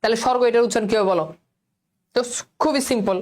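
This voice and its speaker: A young woman teacher with a Bangladeshi Bengali accent leads an online lesson. Her voice sits a little high, and she coaxes her students along. She quizzes them often and repeats key words slowly. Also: a little mellow. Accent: Bangladeshi Bengali, colloquial.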